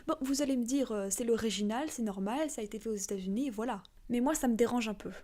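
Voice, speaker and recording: A woman's voice: on the high side, fast, mellow. A woman giving frank, chatty opinions in a casual vlog, with many fillers. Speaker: video creator.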